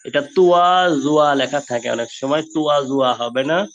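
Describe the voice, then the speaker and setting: A man's voice: medium pitch, normal speed, fairly bright tone, highs cut off. A man teaching an online Quran lesson for children, stretching out model pronunciations of Arabic letters.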